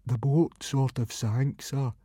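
A man voices a timid, miserable young Viking boy who stammers and mumbles apologies, pitching his mid-range voice a little above his own, close to an everyday tone. His delivery is animated, moderately paced and a little mellow, recorded in studio quality with no room sound.

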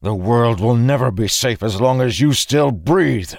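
Here the rebel leader bent on vengeance comes through a male narrator who pitches above his usual low register, snarling with venom and bitter harshness. It's an unhurried, darkish read, recorded close and dry for a fantasy audiobook.

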